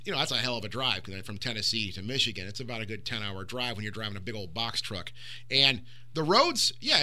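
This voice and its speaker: In a Michigan recording room, a podcast host chats casually in a fairly high, sharp-toned voice. He rambles loosely and swears now and then.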